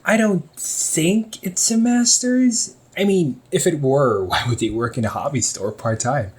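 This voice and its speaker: A man with a fairly high, unhurried voice gives a lightly acted performance as a chatty young older brother who keeps a hobby shop. Casual and teasing, he carries a one-sided audio roleplay with the listener and laughs often.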